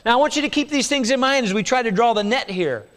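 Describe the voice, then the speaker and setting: A man, a pastor, preaching an expository sermon. He swings between hushed low lines and raised, emphatic ones. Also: lively intonation, fast talker. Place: church sanctuary. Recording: long church hall reverb.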